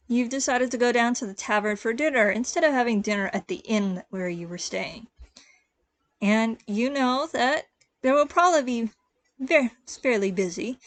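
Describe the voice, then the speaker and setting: A woman game master calmly narrating a tabletop role-play scene in a relaxed storytelling way. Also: a little high, no echo. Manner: descriptive, relaxed storytelling with small restarts.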